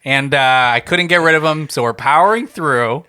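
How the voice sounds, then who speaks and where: A man's voice: a little high, normal speed, smooth. A man hosting a casual podcast chat, laughing often and talking through a case of hiccups. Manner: laughs often, animated and self-deprecating. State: has hiccups. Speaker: podcast host.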